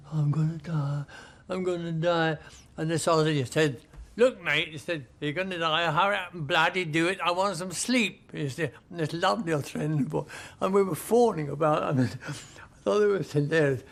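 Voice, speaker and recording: A man in his nineties recalls his past in interview. His voice is gravelly and fairly high. He talks haltingly, doubling back on his words. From Britain. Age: 90s. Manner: halting, with restarts. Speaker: former prisoner of war.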